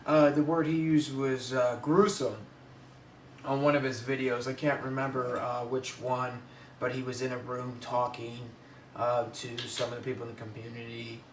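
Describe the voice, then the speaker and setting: A man's voice: mid-range voice, level tone, normal speed. Male livestream host, rambling and filler-heavy, with strong echo from a distant camera mic and faint noise behind him. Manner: rambling, with many fillers and restarts. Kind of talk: casual livestream chat. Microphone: camera mic set up away from him.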